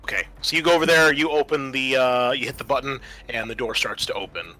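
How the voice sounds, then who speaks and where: Narrating a tabletop RPG session, this game master talks fast in a sharp, medium-pitched voice while keeping his descriptions casual. Music plays underneath him.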